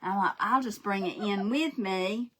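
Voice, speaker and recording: A woman's voice: mid-range voice, normal speed. A woman chatting folksily on a livestream while she paints, greeting viewers by name. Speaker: craft livestream host.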